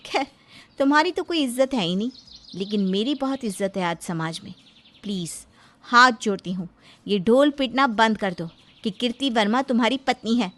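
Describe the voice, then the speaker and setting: A woman's voice: on the high side, animated, moderate pace, fairly bright tone. Woman doing a haughty young lady officer. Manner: haughty, curt.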